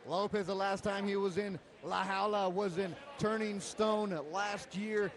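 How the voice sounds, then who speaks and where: A man's voice: sits high, flat delivery, unhurried, crowd noise. A man calling a live MMA fight play-by-play, emphatic and given to storytelling.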